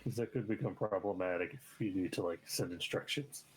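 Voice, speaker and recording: A man playing in a tabletop game stream, chatting casually and tossing in quick jokes. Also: low-pitched, a little hiss or hum, poor audio. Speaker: player.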